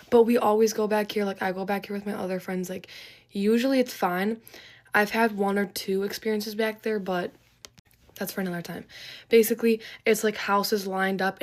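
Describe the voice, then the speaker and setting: A woman telling a casual storytime in a chatty, rambling way with lots of fillers. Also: medium pitch.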